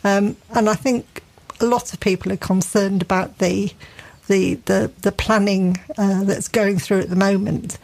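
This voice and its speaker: A woman's voice: medium pitch, fairly even intonation, a little slow, creaky, darkish tone. Chatty English woman radio co-host. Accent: English, Derbyshire. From England. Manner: chatty, enthusiastic, many fillers and restarts. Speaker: radio gardening show co-host. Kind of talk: casual radio chat.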